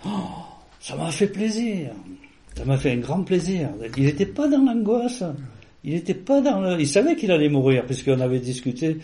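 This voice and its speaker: A man's voice: on the high side, big pitch swings, normal speed, mellow. A man being interviewed, recounting a personal story in a casual, rambling way with many restarts and fillers.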